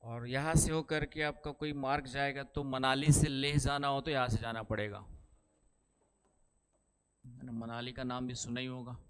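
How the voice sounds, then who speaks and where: Man, middle-aged, teacher, lecture with stories, smooth clear voice, average pitch. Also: fairly even intonation, normal speed. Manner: chatty, asks the class questions; keeps saying "ठीक है" and "है ना".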